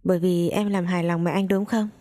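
A woman's voice: on the low side, fairly even intonation, a little fast, mellow, lightly acted. A woman voicing a two-faced young female friend who talks sweetly while scheming, in a storybook reading. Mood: sly.

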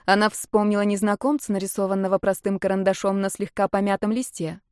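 A woman reading a story aloud in an even, expressive voice. Her pitch sits in the middle of the range. The room is dry and close. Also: fast talker, clear, resonant tone, no echo. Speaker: narrator.

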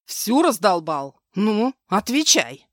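A woman's voice: fairly low pitch, animated, unhurried, fairly bright tone, dry recording, clean studio sound. A woman voicing a vicious, drunken husband who snarls coarse threats, read in an audiobook. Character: brutal drunken husband, male adult, vicious.

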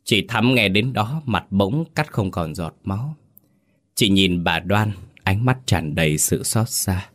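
A man with a very deep, low voice narrates a ghost story. His delivery is steady and dramatic. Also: a little slow.

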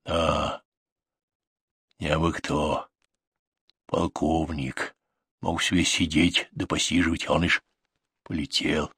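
A man's voice: mid-range voice, expressive, moderate pace, fairly bright tone, dry recording, clean studio sound, pitched above the performer's own voice. A man voicing a sly, worldly-wise old peasant who lectures in folksy rural dialect. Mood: grumbling.

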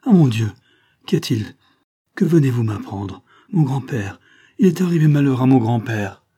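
A man's voice: medium pitch, animated, normal speed, warm tone, husky. A man voicing a frightened young woman who pleads anxiously in a raised, breathless voice. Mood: frantic.

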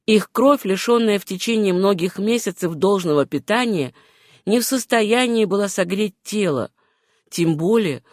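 An audiobook narrator reading prose at a measured, unhurried pace. The voice sits in a middle pitch. The recording is close and dry. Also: no echo. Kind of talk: scripted narration.

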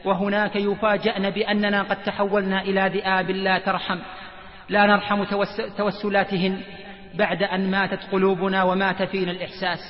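Preacher, male, high and even voice, earnest dramatic storyteller, recorded in a reverberant hall. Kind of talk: sermon retelling a story. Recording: echoey, dull lo-fi hall recording.

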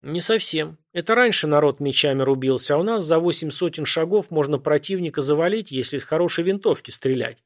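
A man voicing a quick-witted young working man who hides his fear behind wry replies. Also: fairly high pitch, lively intonation, pitched above the performer's own voice. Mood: wary.

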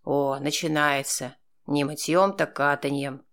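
A man's voice: fairly high pitch, fairly even intonation, a little slow, fairly bright tone. Man reading a first-person audiobook. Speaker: audiobook narrator.

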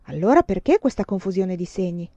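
A woman reading aloud voices an anxious, commanding elderly nobleman who presses and shouts his demands. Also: lowish voice, animated, a little fast, dry recording, lo-fi sound. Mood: suspicious. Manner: insistent, rising to shouted demands.

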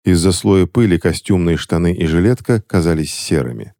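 Deep, mellow male audiobook narrator, dry close sound, measured reading. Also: dry recording.

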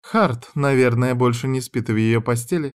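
A man's voice: mid-range voice, normal speed, close to an everyday voice. A man voicing a sly young woman in training who gossips and mocks with a sarcastic edge. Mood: teasing. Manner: teasing, sarcastic.

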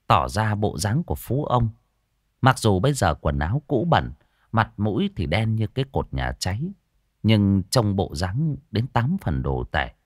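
A man reads an audio story with an animated, expressive voice. His pitch rises and falls freely, and the recording sounds dry and close. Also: no echo. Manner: expressive, lively reading. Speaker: audiobook narrator. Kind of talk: storytelling narration.

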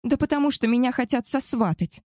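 A woman's voice: medium pitch, moderate pace, dark tone, no room sound, studio quality, natural voice. A woman voicing an arrogant, spoiled young she-wolf woman who talks down to others in a haughty, contemptuous way. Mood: petulant. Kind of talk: audiobook character voice.

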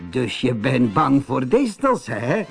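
A man's voice: sits high, sing-song, a little slow, vocal fry, faint music behind, pitched above the performer's own voice, full character voice. A man voicing a vengeful, scheming male fox in a storybook, sneering and gloating.

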